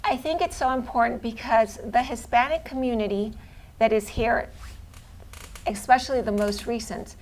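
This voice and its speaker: A woman's voice: a little high, moderate pace. A woman from Venezuela, a radio guest speaking earnestly and insistently. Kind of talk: talk radio interview.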